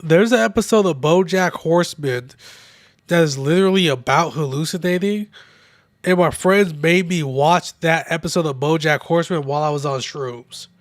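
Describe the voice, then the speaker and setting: A young man with a somewhat high voice talks loosely and profanely while he plays, a little drunk and nursing a sore throat. The sound is dry and close, with no room echo. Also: moderate pace. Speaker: streamer. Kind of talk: casual gaming livestream chat.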